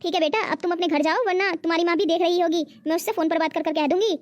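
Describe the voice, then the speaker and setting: A woman's voice: steady tone, rapid-fire, no echo. A woman voicing an older, fretful widowed mother-in-law in a cartoon, scolding and fussing. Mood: relieved. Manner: high-pitched, scolding and fussing. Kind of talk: cartoon voice acting.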